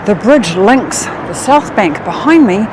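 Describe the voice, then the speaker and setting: A woman's voice: mid-range voice, animated, unhurried. A woman with a New Zealand accent, a travel vlogger walking outdoors in a city, exclaiming in wonder between sightseeing facts. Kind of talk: casual travel vlog narration. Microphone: handheld action camera or phone. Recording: noisy outdoor city sound.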